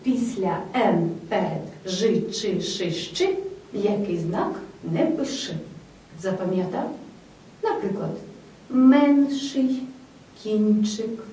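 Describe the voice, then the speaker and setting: A woman's voice: mid-range voice, dark tone. A woman teaching a spelling lesson, reading out word lists one by one and asking whether the listener has memorized them. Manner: dictates word lists slowly, checks memory. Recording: very echoey room, distant mic, faint noise.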